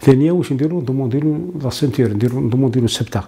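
A man's voice: medium pitch, rapid-fire, mellow. A man with an Algerian Arabic accent, a doctor explaining a medical topic to TV viewers step by step, dropping French medical terms into his dialect. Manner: lists points step by step.

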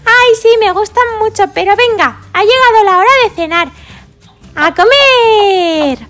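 A woman from voicing a cheerful little girl pig who fusses over her baby dolls in a sing-song, drawn-out way. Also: very high voice, fairly bright tone. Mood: doting. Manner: sing-song, fussing and doting, drawn-out words.

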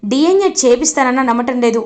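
An older family patriarch explains things patiently but firmly, voiced by a woman narrator. The delivery stays plain and high-pitched, much like her own telling voice. It comes from a spoken recap of a serial. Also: lively intonation, fast talker, darkish tone. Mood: explaining. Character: calm older male family elder.

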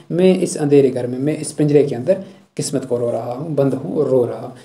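A male teacher explaining a poem line by line, reciting each verse slowly and then explaining it with a habitual "thik hai". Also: medium pitch, dark tone. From Jammu and Kashmir.

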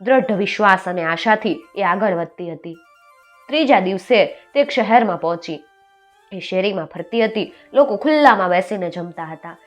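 A woman storyteller narrating a fairy tale in a steady, expressive manner. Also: medium pitch, normal speed, soft background music.

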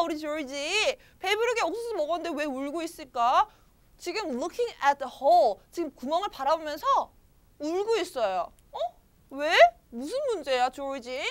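A woman's voice: very high voice, fairly bright tone. A woman reading an English storybook aloud to children and explaining it, quizzing her young listeners in a sing-song way.

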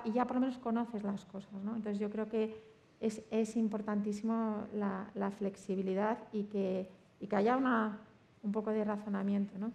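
Mellow, even-toned Spain Spanish woman. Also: fairly high pitch. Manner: thoughtful, with many restarts and fillers. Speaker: seminar panelist. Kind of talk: discussion remarks.

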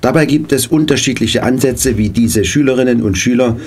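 A man's voice: mid-range voice, brisk, a little mellow, husky. A man giving a scripted news narration as a voice-over.

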